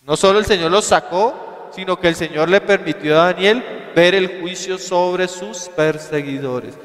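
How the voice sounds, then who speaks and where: Male preacher with a Colombian accent, high-pitched, reads verses slowly and drives points home with questions; church-hall reverb. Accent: Colombian Spanish. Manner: reads scripture slowly, then explains with emphasis; addresses listeners as brothers with rhetorical questions. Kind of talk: sermon.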